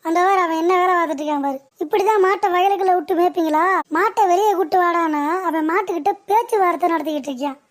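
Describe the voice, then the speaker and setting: An indignant male farmer, as a woman puts him on in a cartoon comedy. His voice is pitched very high. He makes loud, angry demands. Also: fast.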